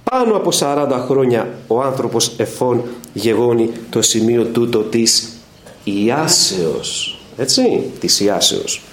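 A man's voice: medium pitch, big pitch swings. A middle-aged man preaching at a Bible study, telling stories with quoted dialogue and asking his listeners questions. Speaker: evangelical preacher. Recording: echoey room with faint ambience.

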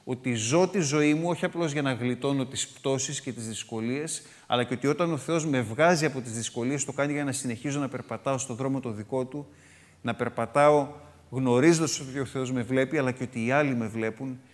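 A man's voice: medium pitch, in a large hall. A man giving a sermon-style Bible study on a psalm, reading verses aloud and explaining them word by word with frequent filler sounds. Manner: reads scripture aloud between comments. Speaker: Bible teacher.

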